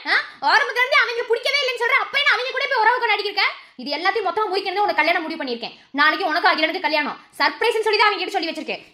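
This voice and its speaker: A woman's voice: very high voice, very fast, bright, forceful tone. An actress playing a domineering mother who scolds her daughter harshly and forces her marriage. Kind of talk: TV serial acting.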